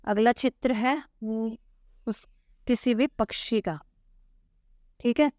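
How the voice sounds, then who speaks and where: A woman's voice: a little high, takes it slowly, darkish tone, no room sound, clean studio sound. A woman teaching a school Hindi lesson, patiently walking through textbook answers and often checking in with "theek hai". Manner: patient, repeats "ठीक है" often.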